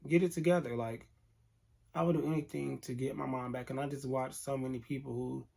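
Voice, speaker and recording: A man's voice: medium pitch, fairly even intonation, brisk, gravelly, warm tone. A man vlogger telling an emotional storytime to camera, candid and earnest, talking straight to his viewers.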